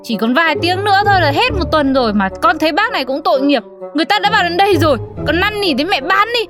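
A squeaky, fast-talking cartoon kid. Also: female voice, expressive, over music. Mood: coaxing. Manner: pleading and cheeky. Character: young school kid, whiny and chatty. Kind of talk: cartoon voice acting.

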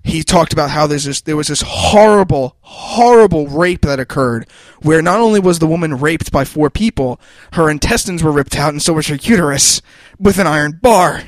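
A man's voice: on the high side, expressive, moderate pace, few pauses, dry recording. A man co-hosting a casual podcast chat, earnest and rambling, often restarting sentences. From New Jersey. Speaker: podcast co-host.

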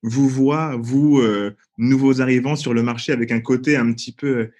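A man from Paris co-hosts a casual podcast, his questions loose and full of slang. His voice sits at a middle pitch. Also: steady tone, normal speed, a little mellow. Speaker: podcast co-host.

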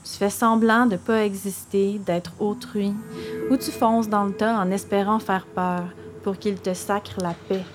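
A woman's voice: mid-range voice, fairly even intonation, unhurried. A woman performing spoken-word poetry in terse, punchy phrases with defiant bursts. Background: music.

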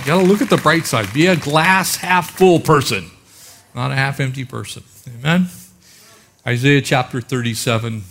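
A male pastor preaching a sermon into a pulpit microphone, conversational with frequent filler words, calling out for an amen. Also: mid-range voice.

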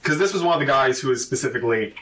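A man's voice: medium pitch, animated, very fast, a bit bright, distant mic. A man chatting casually as a player in a tabletop game.

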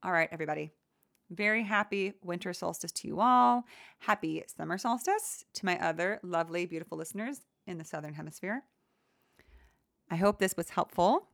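A woman hosting a solo podcast, talking in a soft, gentle and soothing way as she reflects aloud. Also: on the low side, brisk, vocal fry, no room sound, clean studio sound. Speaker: podcast host.

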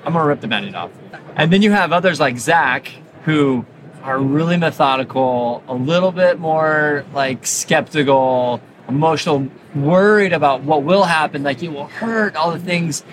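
A man with a fairly high voice tells lively stories and acts out the quotes as he goes. He sounds like a dentist chatting between the stands of a trade show, and loud hall noise runs under everything he says. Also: unhurried. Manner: animated storyteller, acts out quotes. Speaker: orthodontist. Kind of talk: conversational interview. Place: exhibit hall floor.

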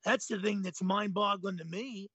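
A man's voice: sits high, steady tone, moderate pace, pushed and bright, husky, no room sound, dull audio. A man in his late fifties, co-hosting a casual sports talk show in a laid-back, chuckling way. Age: 50s. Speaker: co-host.

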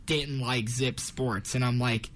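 A man's voice: medium pitch, fairly even intonation, slow, a bit bright. A young man hosting a college sports radio show in a casual, chatty way. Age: young adult.

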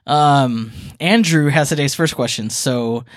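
A man's voice: medium pitch, measured pace, dry recording, studio quality. A man hosting a casual comedic podcast, reading the intro and chatting with friends while laughing often between lines. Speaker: podcast host.

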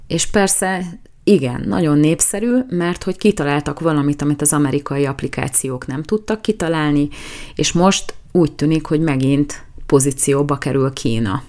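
A woman with a notably low voice delivers a current-affairs commentary monologue. She sounds opinionated and conversational, and she restarts phrases as she works out her argument. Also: a little mellow. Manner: opinionated, conversational, self-correcting.

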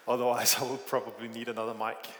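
Preaching in a hall with long, echoing reverb, this man from Denmark speaks with a Danish accent, often hesitating with fillers and slipping in self-deprecating asides. He talks fast in a mid-range, somewhat bright voice with little pitch movement.

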